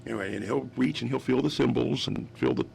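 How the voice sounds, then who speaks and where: A man's voice: medium pitch, fast, creaky, a little mellow, slight background noise. A man in his fifties from West Virginia telling stories as a guest on a radio interview, rambling and restarting his sentences often. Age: 50s. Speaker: guest musician.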